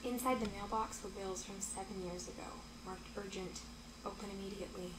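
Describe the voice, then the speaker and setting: Brief: a woman returning to her childhood home, calm and wistful narration for a story game. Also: mid-range voice, normal speed, slightly rough, low-quality recording.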